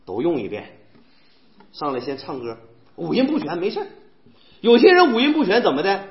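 A man preaching a sermon in a church, animated and firing rhetorical questions at the congregation. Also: high voice, a little fast. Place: church hall. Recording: echoey, dull church hall recording.

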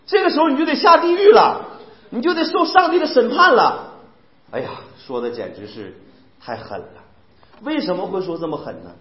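High, lively Northeastern Mandarin preacher. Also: male voice. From Northeast China. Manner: emphatic, fires rhetorical questions at the congregation. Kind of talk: sermon. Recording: echoey, dull lo-fi sound.

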